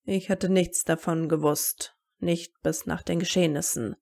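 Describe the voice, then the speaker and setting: A woman's voice: lowish voice, steady tone, vocal fry, darkish tone. A woman voicing a sneering stern male wizard teacher. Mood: cold sneering. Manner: cutting, measured, hissing.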